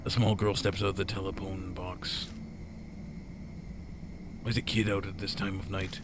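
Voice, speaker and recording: A man's voice: low-pitched, little pitch movement, moderate pace, gravelly, noisy background. A man hosting a gaming video, reading visual novel narration aloud with casual asides.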